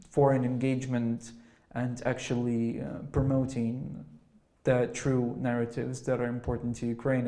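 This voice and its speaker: A man speaking on a panel in a measured, hesitant way with many fillers. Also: medium pitch, warm tone. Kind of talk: panel discussion talk.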